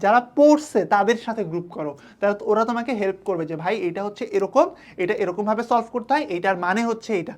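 Young woman tutor, coaxing study-advice talk at a brisk clip. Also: medium pitch, lively intonation, a little mellow. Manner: coaxing, asks and answers her own questions. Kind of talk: online study-advice lesson.

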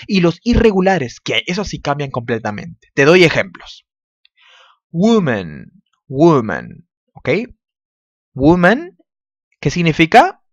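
A man, teaching an English lesson in a lively way and often checking in with his students. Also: on the high side, slow pace, pauses often, no room sound. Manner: animated, repeats words, checks in with "¿ok?". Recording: dull, dry close recording.

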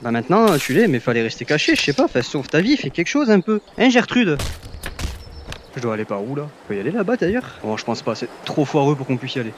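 A man's voice: fairly high pitch, fast talker, slight background noise. Playful young man in game commentary. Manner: playful, teasing the game characters, excitable. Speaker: gaming YouTuber. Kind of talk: casual Let's Play commentary. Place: at home, playing VR game.

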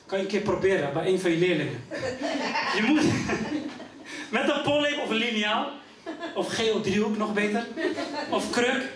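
High-voiced Dutch comedian in a roomy hall. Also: male voice, normal speed, pauses often, a crowd in the background. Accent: Rotterdam Dutch. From Netherlands. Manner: animated storytelling, acting out voices. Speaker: stand-up comedian. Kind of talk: live stand-up comedy. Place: community venue stage before an audience. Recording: roomy live hall, mic at a distance.

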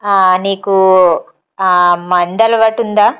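A woman's voice: mid-range voice, steady tone, slow pace, smooth, lightly acted. A woman voicing a fearful, bumbling village man who pleads and asks naive questions, on a slightly dull recording. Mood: timid pleading. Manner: pleading, timid.

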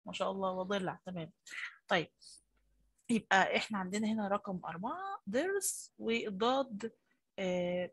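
A woman with an Egyptian Arabic accent, a primary school teacher coaxing and praising young pupils in an online class, her voice a little husky. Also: mid-range voice, dry recording.

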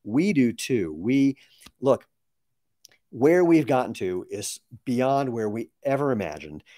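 A man in his sixties, a company founder, chats casually on a live Q&A stream, answering viewer questions and explaining with asides. His medium-pitched, mellow voice swings widely in pitch as he speaks slowly. The recording is dry.

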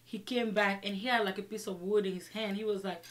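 Female vlogger, young adult, mid-pitched. Animated storytime rant: exasperated, emphatic, retells dialogue as back-and-forth quotes. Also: fairly quick. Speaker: vlogger telling her own story. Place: small indoor room with shelves, seated before the camera.

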